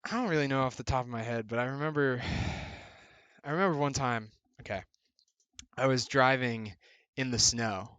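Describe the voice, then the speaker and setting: A man's voice: medium pitch, moderate pace, a bit bright, smooth, no room sound, highs cut off. Laid-back joking young man. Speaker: podcast co-host. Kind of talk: casual storytelling.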